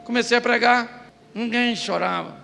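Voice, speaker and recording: A middle-aged Brazilian pastor giving a comic sermon in a church, bursting into shouts and acting out voices. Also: male voice, very high voice, moderate pace, gravelly, in a large hall, a little hiss or hum. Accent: Brazilian Portuguese. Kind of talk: humorous Pentecostal sermon. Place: church hall.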